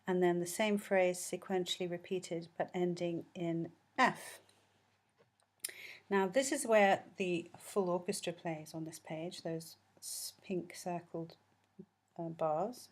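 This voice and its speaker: A woman's voice: on the low side, darkish tone. A woman teaching music analysis, explaining a score step by step and humming short bits of melody. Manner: explanatory, sings snippets of melody.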